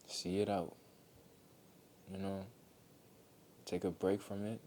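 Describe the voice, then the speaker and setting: A man giving a heartfelt motivational monologue, earnest and gentle, repeating phrases for emphasis. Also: sits low, level tone, takes it slowly, a little hiss or hum. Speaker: motivational speaker.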